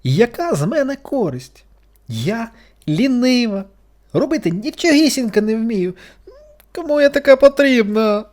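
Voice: medium pitch, sing-song, unhurried, pauses often, voice pushed up. A storyteller voicing a fretful, chatty female caterpillar who complains and whines in a bedtime story. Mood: whiny. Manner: whiny, tearful complaining. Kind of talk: storybook character voice.

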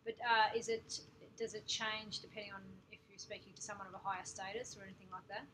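A woman's voice: medium pitch, flat delivery, quick pace, sharp tone, slight background noise, poor audio. A woman in a classroom audience asking curious questions and thinking aloud as she asks them.

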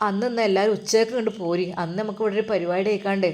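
A woman voicing an elderly, caring mother with a Malappuram accent who talks in a soft, coaxing way. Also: medium pitch, steady tone, rapid-fire, lightly acted. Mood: tender, reassuring. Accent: Malappuram Malayalam.

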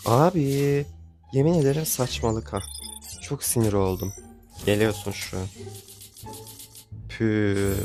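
A man's voice: medium pitch, darkish tone. A young man giving casual gameplay commentary, pleading with and grumbling at the game as he spins for prizes. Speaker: gaming YouTuber.

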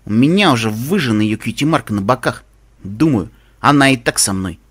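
A man reading an audiobook, voicing a hot-tempered, protective young male pegasus who shouts when he scolds. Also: mid-range voice, animated, brisk, husky, voice pushed down. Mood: gentle.

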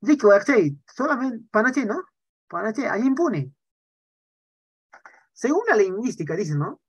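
Animated male language teacher. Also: high voice, moderate pace, breathy edge, no room sound. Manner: animated, tags sentences with "¿ya?" and "¿no?". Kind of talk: live online class. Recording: dull lo-fi online class audio.

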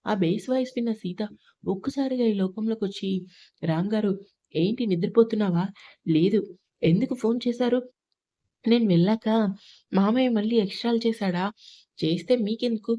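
Woman reading out a love story, mellow soft tone, does the couple's bickering lines in her own voice. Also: medium pitch. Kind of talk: scripted narration of a love story, reading all parts.

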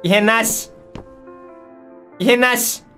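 A woman giving excitable commentary on a horror game, easily startled, often exclaiming and repeating her words. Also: fairly high pitch, slow pace. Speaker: game streamer. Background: music.

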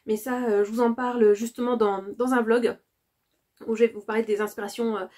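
A woman's voice: a little high, level tone, brisk, warm tone. A woman from France chatting casually to camera about her haul, often hesitating with fillers and repeating words. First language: French. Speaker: vlogger presenting a shopping haul.

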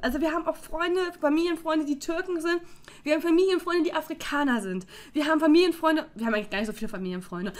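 A young woman in her twenties venting to her viewers in a casual, heated vlog rant. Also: sits high. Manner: heated, exasperated ranting; talks directly to viewers. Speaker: YouTuber.

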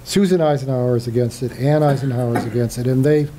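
A man's voice: mid-range voice, steady tone, fast talker, dark tone, slight background noise. An older man giving a public lecture with slides, speaking conversationally with frequent fillers and restarts. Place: lecture hall.

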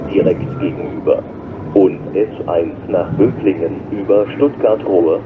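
A man working as a railway station announcer, reading flat, scripted platform announcements in a measured, formal way. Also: deep voice. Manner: measured, formal, flat delivery in set phrases. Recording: dull lo-fi recording with loud station noise.

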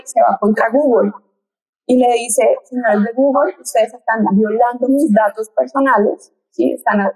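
A young Colombian woman, a lawyer and researcher, delivers an online lecture through a headset mic on a video call, speaking with a Colombian Spanish accent. Her voice sits on the high side with a darkish tone, and she explains patiently, using fillers and restarting sentences. The audio quality is poor.

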